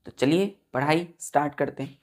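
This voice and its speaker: A woman's voice: deep voice, fairly even intonation, fairly quick, a little mellow. A woman with an Indian accent teaching a school science class, spelling words letter by letter and often checking that the children understand. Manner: patient, repeats and checks with "clear?".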